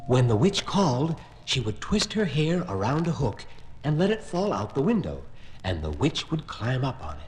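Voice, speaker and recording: A man narrating a fairy tale on a vintage children's record in an expressive storytelling voice. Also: mid-range voice, moderate pace, rough recording.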